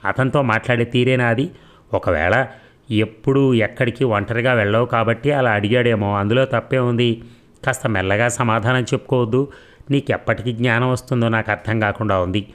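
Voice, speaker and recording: A man's voice: on the low side, normal speed, close to an everyday voice. A man reading a novel aloud, voicing an ailing, exasperated mother who scolds her daughter. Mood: scolding. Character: stern ailing middle-aged mother, scolding.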